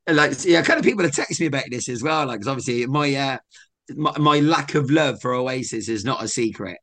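With a brisk pace and a mid-range voice, a young English co-host shares stories on a podcast. His casual chat is lively, chatty, and upbeat.

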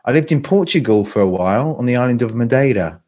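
Animated and fast, with a mellow, medium-pitched voice, a middle-aged Londoner with a British accent chats as a guest on a video call in a casual interview. This speaking coach is hesitant, often repeating himself and restarting his sentences. The sound is lo-fi with a little hiss or hum.

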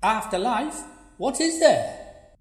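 A woman playing a sulky, deadpan ghost. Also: a little high, slow. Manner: deadpan, curt and needling. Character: sulky, blunt ghost of a plain young woman. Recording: echoey, roomy sound.

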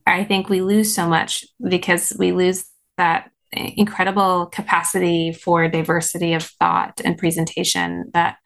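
A woman's voice: on the low side, level tone, unhurried, creaky, fairly bright tone. A woman guest in an interview, explaining ideas earnestly with many "like" fillers. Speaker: guest, course creator in parent health. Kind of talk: conversational interview.

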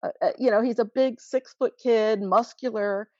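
A woman in her forties, a mother telling her son's story as an interview guest, earnest and halting with frequent restarts. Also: a little high, steady tone, darkish tone, no room sound, muffled recording. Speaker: guest, mother of a teen who vaped. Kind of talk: emotional personal account in interview.

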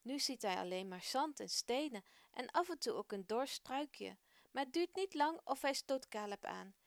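A woman's voice: high-pitched, normal speed, vocal fry, no room sound. Woman reading a children's story. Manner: gentle, expressive read-aloud. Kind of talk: storybook narration.

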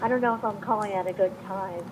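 A woman's voice: mid-range voice, steady tone, fast, darkish tone, slight background noise, rough recording. A woman calling into a radio show, speaking politely and a little hesitantly, with some uh fillers. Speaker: caller. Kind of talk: phone-in chat.

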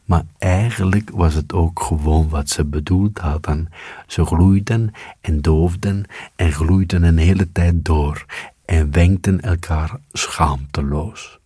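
A man reading a children's story aloud as scripted narration, calm and even. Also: deep voice, breathy edge, dry recording, studio quality.

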